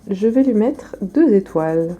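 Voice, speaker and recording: Soft, warm-voiced young woman vlogging. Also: medium pitch, animated, measured pace, dull audio, a little hiss or hum. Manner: chatty and confiding, with frequent hesitations. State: suffering from allergies. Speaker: vlogger and aspiring comic artist. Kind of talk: casual vlog voice-over.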